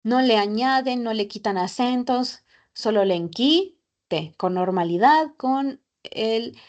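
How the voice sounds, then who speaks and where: A woman teaching a Japanese class, patient and repeating each example slowly. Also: on the high side, darkish tone, lo-fi sound. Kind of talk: online class lesson.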